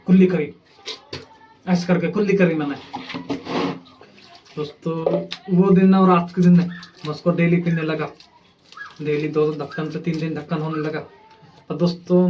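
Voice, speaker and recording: A young man with a slightly raised voice cracks deadpan jokes to his viewers as he washes clothes at his village home. He talks casually and directly to the camera, over a faint hum of outdoor ambience. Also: a little high. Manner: deadpan joking, addresses viewers as friends. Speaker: vlogger. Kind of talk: comic village vlog monologue.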